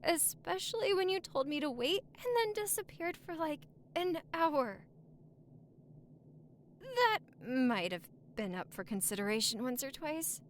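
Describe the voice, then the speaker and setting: Acting as a young newlywed wife at home, a woman talks to her partner in a romantic audio roleplay, sounding playful, affectionate and nostalgic. She teases, banters and sweet-talks in a high voice with wide pitch swings, lively intonation and a measured pace. A little hiss or hum is audible.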